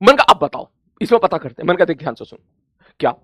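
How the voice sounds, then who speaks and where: High-voiced man teaching physics. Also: very animated, rapid-fire, pushed and bright, no echo, clean studio sound. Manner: chatty, quizzes himself in students' voices and answers; addresses students familiarly as brother and child. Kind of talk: coaching class lecture.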